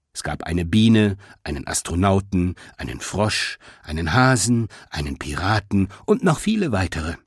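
Husky man narrating a story. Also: lowish voice, dry recording, clean studio sound. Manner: expressive storytelling. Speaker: audiobook narrator.

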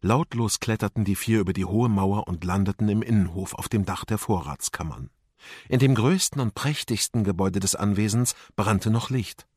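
Male audiobook narrator, expressive, husky, dry close sound. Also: fairly low pitch, normal speed, no room sound. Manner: expressive storytelling.

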